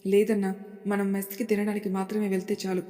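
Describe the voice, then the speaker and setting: A woman's voice: mid-range voice, completely flat delivery, fast, mellow, soft background music, lightly acted. A woman voicing a loyal male assistant who answers respectfully and reassuringly, with a long hall reverb behind her voice.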